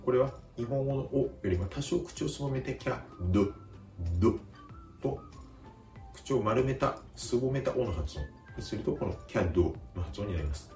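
A man teaching a vocabulary lesson, speaking calmly and slowly repeating each word with careful pronunciation. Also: medium pitch, reverberant, distant mic, faint music behind. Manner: slow, careful pronunciation drills. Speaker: language teacher.

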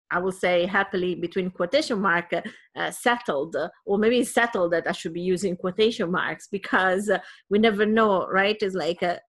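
A woman's voice: fairly low pitch, pushed and bright. A woman interviewing a guest, friendly and asking questions with many fillers. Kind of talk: conversational interview.

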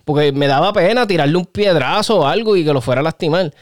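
A man hosting a casual podcast chat, telling stories with lively acted-out reactions. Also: fairly high pitch, fast talker, dry recording, studio quality. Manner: animated storyteller, acts out reactions. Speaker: podcast host.

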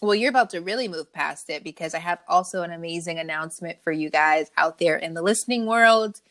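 Woman, podcast co-host, crisp bright tone, loud playful banter. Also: on the low side, brisk. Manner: brash, profane, playful and animated. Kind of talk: casual podcast chat.

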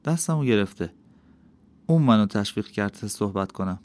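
A man reading an audiobook aloud in a calm, measured storytelling manner. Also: on the low side. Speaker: audiobook reader. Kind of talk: audiobook narration. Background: faint music.

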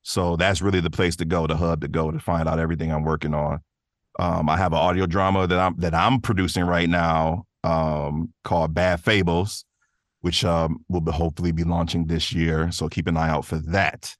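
A deep-voiced voice actor and artist answers interview questions on a podcast in a casual, slangy, wandering manner. He speaks at normal speed with a level tone, in studio-quality audio without room sound.

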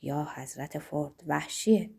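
A woman reading an audiobook, voicing a bossy male official who gives orders and then coaxes smoothly. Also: on the low side, steady tone, a little mellow, pitched below the performer's own voice, close to an everyday voice. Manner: commanding then coaxing.

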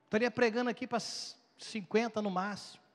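A male pastor preaching a sermon with animated, dramatic storytelling. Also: sits high, brisk, big-room sound.

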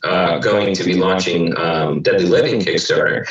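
A man, a comics writer and guest in a casual interview over a video call, whose voice comes through glitchy and robotic with sudden pitch jumps; he talks hesitantly with many ums. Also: steady tone, normal speed, lo-fi sound. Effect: glitchy robotic call audio with sudden pitch jumps. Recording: echoey, distant call audio.

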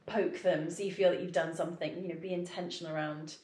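Yoga studio manager, woman with a lowish voice, chatty and easy, roomy echo. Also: steady tone, fast talker, darkish tone, slight background noise. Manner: chatty, laughs often, many fillers. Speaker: yoga studio manager judging teacher auditions. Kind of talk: casual podcast chat. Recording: roomy echoey recording.

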